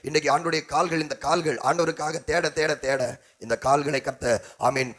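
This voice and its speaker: High-voiced preaching man. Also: fairly even intonation, a little fast. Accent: Tamil. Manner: call-and-response preaching, prompting the congregation; rhythmic repetition, rising to loud exhortation. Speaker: pastor. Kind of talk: sermon.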